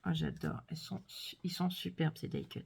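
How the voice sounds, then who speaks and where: A woman vlogger chatting casually and gushing softly as she unboxes crafts, sometimes dropping to a whisper. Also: deep voice, big pitch swings, normal speed, gravelly, breathy edge. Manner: gushing, soft-spoken, drops to whispers. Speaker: scrapbooking vlogger.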